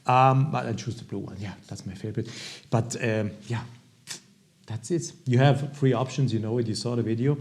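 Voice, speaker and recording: A man from Austria with an Austrian accent and a gravelly voice, casually presenting products to viewers as a video host in halting, hesitant phrases. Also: mid-range voice, fairly even intonation, darkish tone. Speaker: watch review video host.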